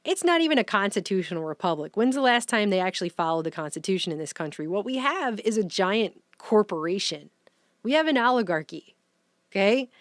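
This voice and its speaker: A woman giving casual, sarcastic commentary in long, rapid run-on rants. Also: mid-range voice, expressive, no echo, clean studio sound. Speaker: vlogger, commentator.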